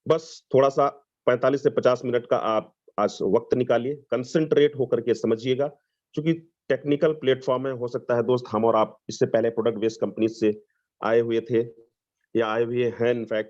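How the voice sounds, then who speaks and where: A man from Lucknow, giving an enthusiastic sales pitch on a video call and mixing in English phrases. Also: fairly even intonation, normal speed, darkish tone. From Lucknow, Uttar Pradesh, India. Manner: enthusiastic, persuasive, mixes English phrases, repeats "dost". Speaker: webinar presenter. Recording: dull lo-fi video call audio.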